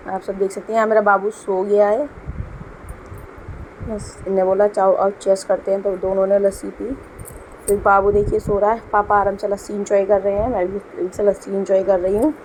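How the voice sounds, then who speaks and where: In this low-quality home kitchen clip, a young woman who keeps house narrates her routine as a casual voice-over, explaining each step in a chatty way. She sounds hoarse from a sore throat and coughs now and then. Her mid-pitched voice is somewhat dark, over a faint hiss or hum.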